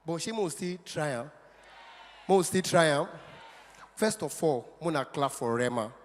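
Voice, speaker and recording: A man's voice: on the high side, expressive, a little slow. A man with a Nigerian accent doing playful stand-up comedy on stage in front of an audience, like a practised showman. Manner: playful showman, mixes Pidgin into his patter. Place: on stage in a large venue. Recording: reverberant live stage with background noise.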